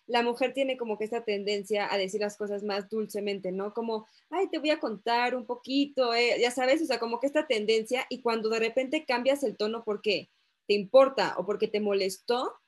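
A woman's voice: on the high side, fairly even intonation, normal speed. Hesitant woman moderator. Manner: hesitant, lots of fillers. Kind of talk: panel discussion.

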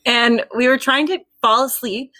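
A woman's voice: fairly high pitch, sharp tone, dry recording. A young adult woman telling a spooky story in casual chat, often laughing between sentences. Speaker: storytelling guest.

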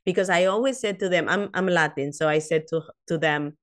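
A woman in her fifties who isn't a native English speaker appears as a podcast guest in a casual interview chat. She's an animated storyteller, talking briskly in a lowish voice with many restarts, asides, and "you know"s.

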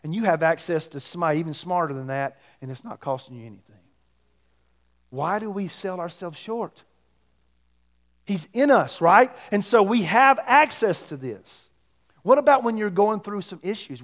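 A middle-aged man preaching a sermon as a pastor, emphatically, with rhetorical questions, swinging between loud and hushed delivery. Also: high-pitched, expressive, normal speed. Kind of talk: sermon to a congregation.

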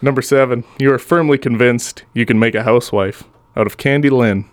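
A man co-hosting a podcast, reading out a comedy list with dry, deadpan delivery. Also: mid-range voice, a little fast, dry recording. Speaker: podcast co-host.

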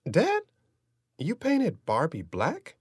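A man's voice: a little high, wildly swooping pitch, slow pace, breathy edge, no echo, studio quality, voice pushed up, full character voice. A man voicing a blunt, cocky young boy in an audiobook reading. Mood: incredulous.

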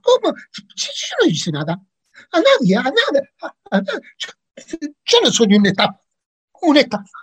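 A man's voice: very high-pitched, wildly swooping pitch, measured pace, pauses often, a bit bright. A middle-aged man with an Argentine accent playing a flustered, stammering character in a comic sketch. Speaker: sketch character, supposed astronaut.

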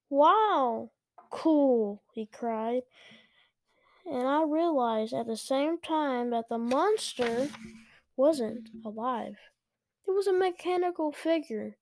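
A woman hosting a podcast, reading a children's horror book aloud slowly and carefully, with small slips. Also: fairly high pitch, mellow, no echo, studio quality. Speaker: podcast host and reader.

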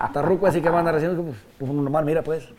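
Un viejo ranchero fanfarrón y bebedor, interpretado por un hombre, con acento mexicano y una voz algo aguda. Habla enredado, con mucha jerga de pueblo, como en un personaje de comedia improvisada. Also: male voice, a little high, fairly even intonation, racing, a crowd in the background, close to an everyday voice. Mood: boasting. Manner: rambling, folksy, full of village slang. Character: boastful old rural man, brawler and drinker.

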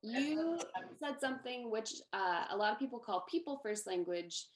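Woman, music therapist, panel moderator, informal, reassuring, slightly high pitch. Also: lively intonation, moderate pace. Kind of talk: casual facilitation of a group discussion.

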